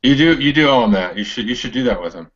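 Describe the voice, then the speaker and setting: A man's voice: medium pitch, lively intonation, fast talker, highs cut off. A man with a nasal voice and an American Northwest and California accent, co-hosting a casual board game chat in a laid-back, hesitant way. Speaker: co-host.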